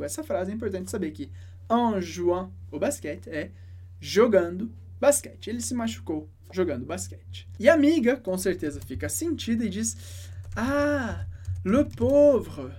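A woman teaching French, explaining a dialogue line by line and repeating each phrase slowly and carefully. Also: medium pitch, a little mellow, slightly rough.

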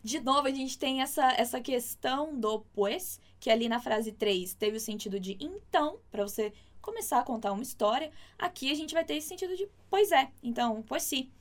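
A Brazilian woman teaching Spanish in an online lesson, explaining patiently and repeating words slowly so learners can practise. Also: sits high, lively intonation. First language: Portuguese.

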